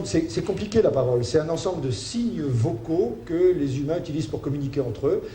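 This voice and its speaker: A man lectures in a halting, stop-and-start way, full of fillers and restarts. His voice is mellow and dark. The sound carries the roomy echo of a lecture hall, with a faint murmur of ambience underneath. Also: medium pitch, a little hiss or hum. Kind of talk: hesitant spoken lecture.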